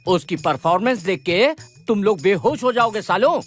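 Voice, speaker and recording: A man's voice: high-pitched, lively intonation, moderate pace. A man playing a hot-tempered, bossy uncle who scolds and threatens everyone around him. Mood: scolding. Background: background music.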